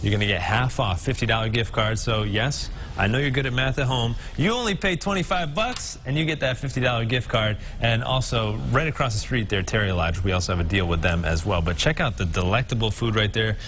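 A man's voice: lowish voice, a bit bright, a little hiss or hum. A male TV host in his thirties, upbeat and promotional, guiding a chef through a segment on a studio kitchen set. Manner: upbeat, promotional, quick back-and-forth. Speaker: TV lifestyle show host.

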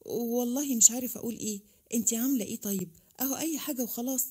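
A woman's voice: a little high, quick pace, warm tone, husky. A woman voicing a teasing Egyptian young man. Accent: Egyptian Arabic.

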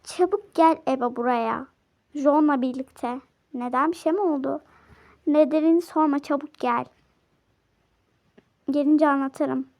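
A woman's voice: high-pitched, fairly even intonation, measured pace, pauses often, a little mellow, no echo, studio quality, voice pushed down. A woman voicing an angry young husband in a toy game role-play, dropping her voice to curse and threaten divorce. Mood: urgent. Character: angry husband, young man, furious and dramatic.

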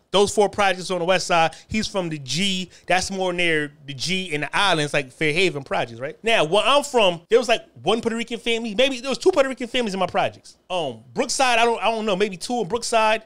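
A man's voice: high voice, a bit bright. A man from New Haven, telling profane, streetwise stories in a casual monologue. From New Haven, Connecticut. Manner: profane, streetwise storytelling with frequent asides. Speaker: podcast host.

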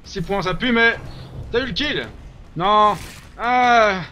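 A man hosting a let's play, giving casual gameplay commentary, reacting loudly, joking and swearing at the game. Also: high voice, measured pace, soft background music.

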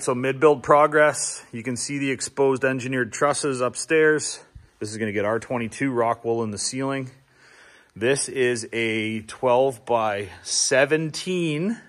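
A middle-aged man from Ontario, a builder chatting casually and easily as he walks through a small wooden building under construction. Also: mid-range voice. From Ontario, Canada. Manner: chatty, easygoing, with filler restarts. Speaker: builder and small business owner. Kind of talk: casual walking tour vlog.

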